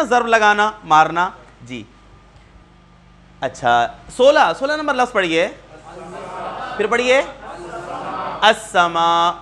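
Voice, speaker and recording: A man's voice: high-pitched, bright, forceful tone. A man teaching a Quran vocabulary class, patiently drilling students word by word and correcting their pronunciation. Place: neighbourhood class room.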